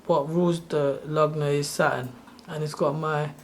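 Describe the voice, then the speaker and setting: A man in his thirties, from Sri Lanka, walking viewers through a tutorial on his screen. His voice sits a little high for a man and stays flat, with little rise and fall. He wanders off track and corrects himself mid-sentence, like someone chatting casually rather than reading a script. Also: normal speed, slight background noise. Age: 30s. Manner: loose, rambling explanation with self-corrections. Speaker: channel host.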